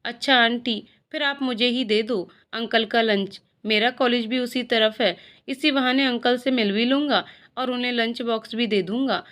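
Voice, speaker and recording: A woman's voice: on the high side, normal speed, few pauses, a bit bright, lightly acted. A woman voicing a cheerful young male college student who talks in a playful, coaxing, polite way.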